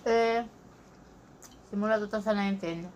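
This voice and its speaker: A woman's voice: medium pitch, steady tone, a little slow, darkish tone, lo-fi sound, a little hiss or hum. A woman vlogger chatting casually to her viewers with her mouth full while eating. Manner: chatty, addresses viewers as guys. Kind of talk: casual mukbang chat.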